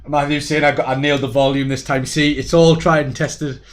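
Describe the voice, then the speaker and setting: A young man hosting a casual online chat, rambling in a relaxed way over a video call. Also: on the high side, fairly quick. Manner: rambling, relaxed, reads out viewer comments. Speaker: host.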